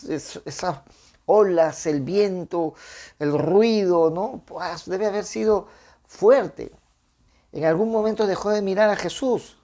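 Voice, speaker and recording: A man's voice: high-pitched, a little mellow. Conversational man preaching a devotional. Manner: conversational, with frequent tag questions and restarts. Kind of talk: informal devotional sermon with Bible reading.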